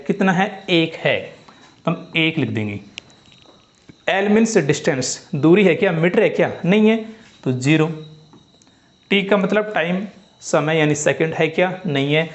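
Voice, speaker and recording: Man teaching physics in a dull lo-fi recording. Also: a little high. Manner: repeats steps, asks students if they understood. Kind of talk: classroom-style lesson.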